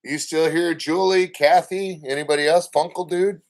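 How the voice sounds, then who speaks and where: A man's voice: on the high side, steady tone, normal speed. A man hosting a casual livestream, chatting loosely with viewers, with plenty of fillers and restarts. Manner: rambling, chatty, playful with viewers. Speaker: livestream host.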